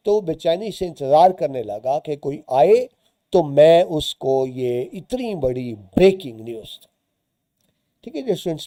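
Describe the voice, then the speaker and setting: A man's voice: on the high side, warm tone, no room sound. A man, teaching students by reading a short story aloud and explaining its words and lines as he goes.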